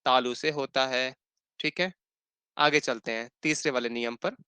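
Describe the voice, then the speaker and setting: Bright, crisp male teacher explaining patiently. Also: medium pitch, steady tone, dry recording. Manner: explains patiently, repeats sutras slowly, often asks "ठीक है?". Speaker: Sanskrit teacher. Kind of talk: online class lesson.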